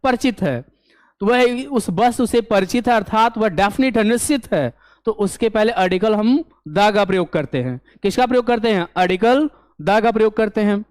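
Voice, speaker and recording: A man teaching an English grammar lesson for an exam, explaining step by step and often asking if it is clear. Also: sits high, lively intonation, normal speed, a little mellow, dry recording. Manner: explains step by step, keeps asking "clear?" and answering his own questions.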